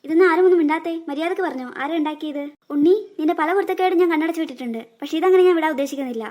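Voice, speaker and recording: A woman doing cartoon dialogue with a scolding, expressive manner. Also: high voice, very fast. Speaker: cartoon voice actor, narrating several characters.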